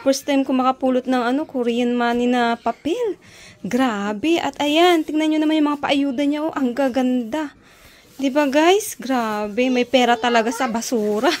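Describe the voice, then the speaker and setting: A young adult woman from the Ilocos region of the Philippines with an Ilocano accent, chatting casually in a vlog and filling pauses with "ayan" and "guys". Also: high voice, darkish tone. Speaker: vlogger. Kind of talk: casual vlog showing found items. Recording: noisy background.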